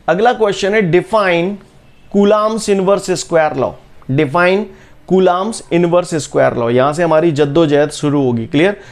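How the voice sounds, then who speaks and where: A man's voice: on the high side, darkish tone. A man teaching a physics class, drilling formulas and checking over and over that students follow. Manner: coaxing, repeats "clear?", drills formulas aloud. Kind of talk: classroom lecture.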